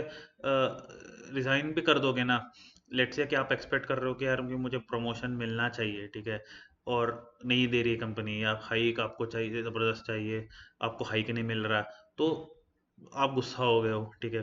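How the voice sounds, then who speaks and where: A man's voice: mid-range voice, a bit bright, highs cut off. A man giving blunt, casual career advice to his channel viewers, talking conversationally with frequent fillers and English phrases mixed in.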